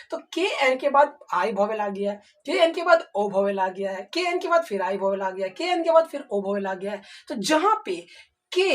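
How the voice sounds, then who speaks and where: A young woman teaching English grammar, spelling words out letter by letter and answering her own questions. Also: on the high side. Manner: asks rhetorical questions and answers them. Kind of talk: classroom-style lesson in Hindi.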